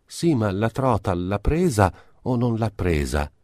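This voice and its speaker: A man's voice: fairly low pitch, big pitch swings, measured pace, a little mellow, dry recording, clean studio sound, voice pushed up. A man voicing a poor working man who speaks politely and hesitantly but keeps pressing his point. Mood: insistent. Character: poor working man, timid yet insistent.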